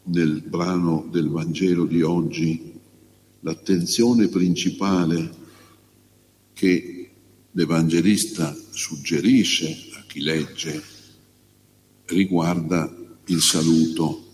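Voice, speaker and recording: Male priest, very low voice, slow deliberate homily, church reverb with faint hum. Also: darkish tone. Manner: slow, measured, pausing delivery. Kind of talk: gospel reading and homily.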